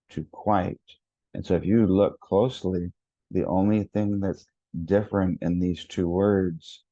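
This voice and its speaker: Slow, deep-voiced teacher trainer. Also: male voice, mellow, no room sound, lo-fi sound. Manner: slow, deliberate, repeats words for emphasis. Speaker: education consultant.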